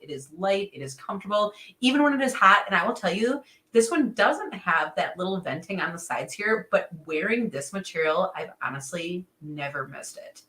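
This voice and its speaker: Upbeat female co-host, bright tone, chatty livestream delivery, roomy echo. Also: medium pitch. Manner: chatty, upbeat, laughs often, many "um"s. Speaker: co-host of a fishing show. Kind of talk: casual gear chat on a livestream.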